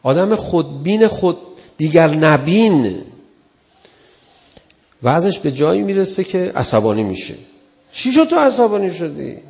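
A man's voice: fairly high pitch, big pitch swings, gravelly, long pauses, darkish tone, big-room sound. A man giving an earnest religious sermon in a conversational way, acting out the people he quotes. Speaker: preacher.

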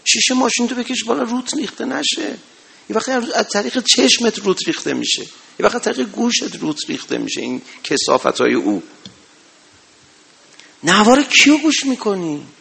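Impassioned high-voiced Iranian preacher. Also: male voice, big pitch swings, gravelly, slightly rough. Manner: impassioned, rising to loud exhortations then dropping low. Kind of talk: religious sermon.

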